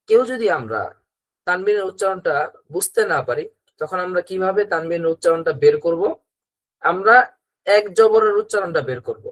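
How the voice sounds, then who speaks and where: A man's voice: high-pitched, a bit bright. A man with a Bangladeshi Bengali accent teaching Quran reading in an online class over a video call, patiently repeating drills for students to echo.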